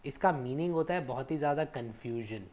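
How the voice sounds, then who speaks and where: A young man teaching English pronunciation, stressing each word slowly and setting wrong forms against right ones. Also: medium pitch, animated, a little mellow. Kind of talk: explanatory lesson mixing Hindi and English.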